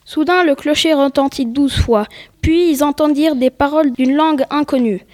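A woman narrating a story she reads aloud, in a plain, steady way. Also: high-pitched, moderate pace.

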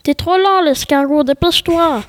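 A bold young troublemaker boy, voiced by a woman reading a storybook, cocky and teasing. The voice is high and dry. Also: normal speed, dry recording, natural voice. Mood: urgent.

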